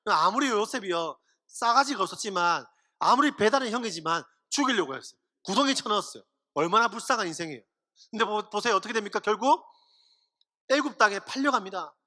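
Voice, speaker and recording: A man preaching to teenagers, telling a story in an animated way and acting out the people in it. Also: high voice, fast talker, long reverb tail. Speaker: pastor. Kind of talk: youth sermon.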